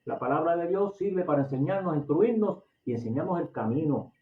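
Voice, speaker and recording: A Puerto Rican man preaching an impassioned sermon in a fairly high voice. He repeats and restarts his phrases as he goes. The sound is thin and phone-like, caught from a distance in an echoey room. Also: expressive, fairly quick. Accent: Puerto Rican Spanish. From Puerto Rico.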